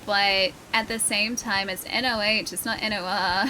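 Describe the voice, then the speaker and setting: A woman with a mild Australian accent and a slightly nasal voice streams a game, chatting casually and laughing often as she plays. Her mid-range voice has a sharp tone and fairly even intonation at a measured pace. The recording is rough, with slight background noise.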